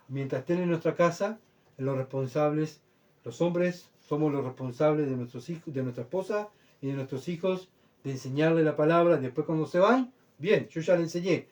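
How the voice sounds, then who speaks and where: A man preaching a sermon, earnest and emphatic, swinging between loud bursts and quiet asides and often asking his listeners if they follow. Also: a little high. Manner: earnest, emphatic, rhetorical questions. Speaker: pastor.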